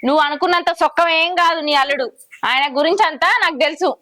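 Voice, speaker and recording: A woman plays a combative village wife, quick and biting. Her voice is high and fast, with a dry, close sound. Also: fairly even intonation, pushed and bright, no echo. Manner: combative, sarcastic. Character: defiant sharp-tongued village wife, one of two. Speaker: actor in a village comedy short.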